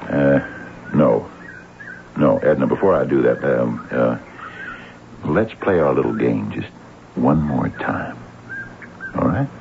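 A creaky, very deep hypnotist villain. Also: male voice, expressive, phone-quality sound, full character voice. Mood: hypnotic. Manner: slow, coaxing, hesitant with many uhs. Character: sinister man hypnotizing a young woman. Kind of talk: 1940s radio acting. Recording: scratchy old radio recording with music.

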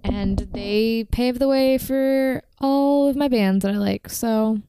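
A woman co-hosting a music podcast in casual chat, chatty and enthusiastic, slightly hoarse from talking. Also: a little high, slow, mellow, no room sound. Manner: chatty, filler-heavy, enthusiastic about bands. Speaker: podcast co-host.

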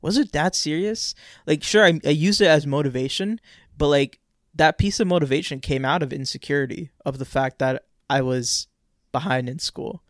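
A man's voice: a little high, normal speed, no room sound, clean studio sound. A man in his twenties co-hosting a podcast, chatting casually and repeating words as he rambles. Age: 20s. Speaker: podcast co-host. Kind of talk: casual chat.

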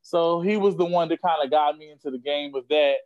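A man's voice: on the high side, fairly quick, a little mellow, dull audio. A man co-hosting a casual podcast chat, laid-back and playful, with lots of "you know" fillers. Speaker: podcast co-host.

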